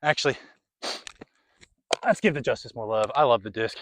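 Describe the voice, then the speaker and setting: Medium in pitch, moderately paced and a bit bright, this young man's voice carries casual play-by-play as he works through a disc golf round outdoors. He's chatty and a touch breathless, commenting between each throw.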